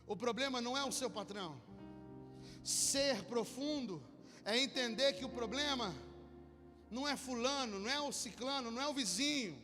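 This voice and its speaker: A man with a Brazilian accent preaches and tells stories in a high, bright voice. He slips into the people he quotes, lively and animated. His voice rings through a large hall, with faint music underneath. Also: moderate pace. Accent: Brazilian Portuguese. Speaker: pastor. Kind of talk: sermon with storytelling. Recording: long church reverb with music.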